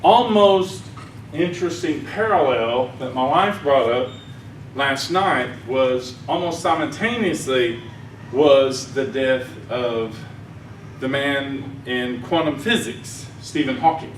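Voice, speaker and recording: A Southern-accented man from Arkansas gives a rambling, folksy sermon talk at a conference, chuckling at his own jokes, his voice medium-pitched and slow. The conference hall echoes and the mic sounds far away, with a little hiss or hum.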